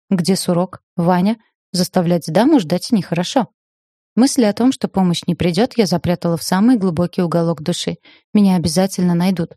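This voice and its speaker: A woman's voice: fairly low pitch, mellow, no echo. A woman narrating a first-person audiobook in a wry, ironic storytelling manner, close to the mic.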